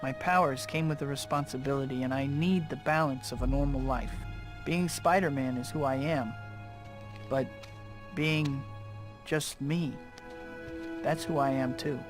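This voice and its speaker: A man's voice: medium pitch, steady tone, measured pace, pauses often, natural voice. A man playing an earnest, self-questioning young superhero in a video game cutscene. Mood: serious. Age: young adult. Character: earnest young male superhero torn between two lives. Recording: game music behind the voice.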